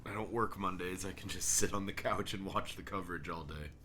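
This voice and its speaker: A man's voice: deep voice, fairly quick, heavy background noise. A man co-hosting a casual podcast, tired and joking, laughing often. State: tired, yawning. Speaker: podcast co-host. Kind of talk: casual chat.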